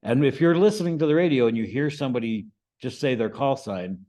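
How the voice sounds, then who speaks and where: This American man teaches amateur radio to a group in an informal, chatty presentation, regularly checking in with short questions. His medium-pitched voice is dark, animated and fairly quick.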